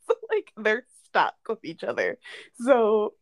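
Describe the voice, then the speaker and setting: A woman's voice: mid-range voice, big pitch swings, slow, vocal fry. A young woman co-hosting a podcast, chatting casually with frequent laughs and fillers. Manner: laughs often, many fillers. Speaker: podcast co-host. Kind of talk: casual storytime chat.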